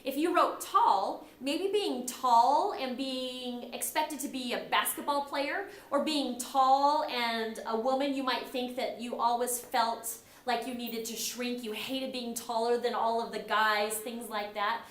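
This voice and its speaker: A middle-aged American woman teaches a class conversationally in this recorded classroom lecture, frequently acting out the remarks she quotes. Her voice is on the high side, her pace unhurried, and she barely pauses, with the room sounding echoey.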